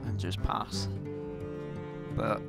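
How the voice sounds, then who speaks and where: A man with an English West Country accent giving casual live card game commentary. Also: drawn-out words. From south-west England. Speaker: esports commentator. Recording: loud guitar game music behind. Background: loud game music with guitar.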